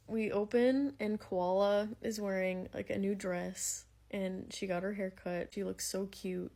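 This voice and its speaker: A young woman chatting casually as she gushes over a manga she is reading and retells its story with excitement. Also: on the low side. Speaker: manga reaction creator. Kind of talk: casual chat reacting to a manga.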